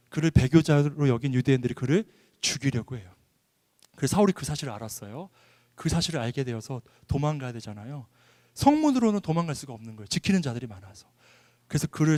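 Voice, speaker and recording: A male pastor preaching a sermon in a church, telling stories with lively acted-out quotes and frequent laughter. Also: medium pitch. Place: church hall. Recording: reverberant church hall.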